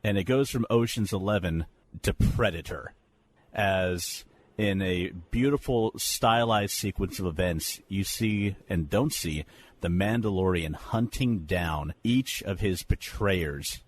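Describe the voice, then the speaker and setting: A man's voice: sits low, measured pace, a little hiss or hum. A man co-hosting a casual podcast chat, enthusiastic and building his points in lists. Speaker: podcast co-host.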